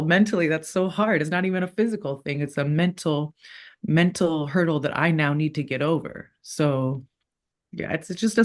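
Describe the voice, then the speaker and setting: A woman in her thirties, a former fighter turned actor, talking casually in an interview and rambling with frequent laughs. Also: deep voice. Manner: chatty, rambling, laughs often.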